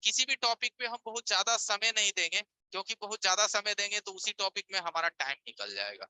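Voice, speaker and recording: A man's voice: sits high, expressive, fast talker, pushed and bright, clear, resonant tone, dry recording, rough recording. A man teaching a live online repair class, explaining with everyday examples and rhetorical check-in questions over a screen share. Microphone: voice-over on a screen-share stream.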